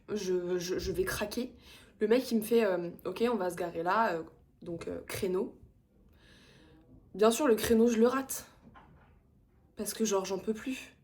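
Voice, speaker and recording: A woman's voice: mid-range voice, a little mellow. A young woman vlogging casually, telling an exasperated story in slangy, profane speech with English phrases mixed in. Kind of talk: casual ranting vlog.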